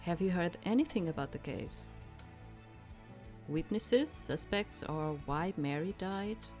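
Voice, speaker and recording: A woman's voice: fairly low pitch, expressive, slow, a little mellow, soft background music. A woman, not a native English speaker, reading the lines of a worried young noble lady from a game. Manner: plain, hesitant reading.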